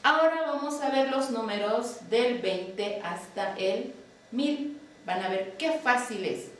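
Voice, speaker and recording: A woman teaching a language lesson, drilling numbers slowly and patiently and checking in with her students. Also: fairly high pitch. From Bolivia. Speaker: Quechua teacher. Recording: roomy, echoey, distant from the mic with faint ambient noise.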